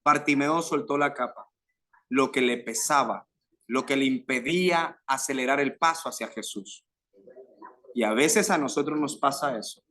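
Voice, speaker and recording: A man with a Venezuelan Spanish accent preaching a sermon to a youth group, fervent, with rising emphatic phrases and pauses. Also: mid-range voice, bright, forceful tone.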